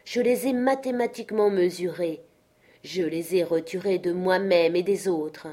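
A woman reading an audiobook and voicing a bitter, obsessed male inventor whose broken voice comes out muffled and hoarse. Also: lowish voice, measured pace, warm tone. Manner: grim and declaiming.

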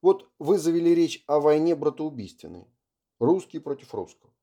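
Male reader playing a resigned English officer in an audiobook: courteous, measured, a touch higher than the narration, dark-toned. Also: big pitch swings. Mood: musing. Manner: polite, measured.

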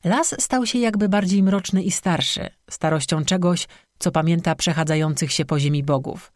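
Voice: medium pitch, moderate pace, dry recording, studio quality. An audiobook narrator reading an urban fantasy tale with a wry, sarcastic edge.

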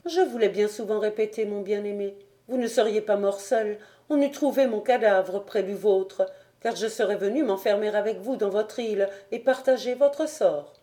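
A woman reading an audiobook voices a tender young wife, speaking gently and consolingly in her own mellow voice. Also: medium pitch, moderate pace, close to an everyday voice.

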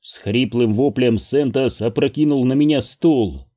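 A man reading an audiobook aloud in a slow, measured, even manner. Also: medium pitch. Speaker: audiobook narrator. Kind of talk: scripted narration.

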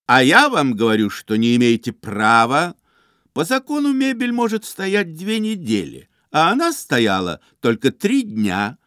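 A man putting on a gushing, sighing flatterer. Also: a little high, dry recording, studio quality, voice pushed up. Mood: pleading. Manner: breathy sighing exclamations, drawn-out. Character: fawning excitable man gushing compliments. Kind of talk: audiobook character voice.

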